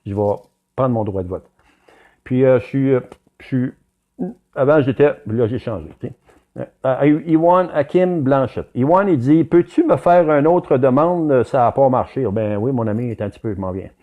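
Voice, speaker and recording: A man's voice: mid-range voice, animated, moderate pace, phone-quality sound. A man with a Québécois French accent hosting a live stream, reading viewer comments aloud and chatting straight to his audience. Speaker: livestream host.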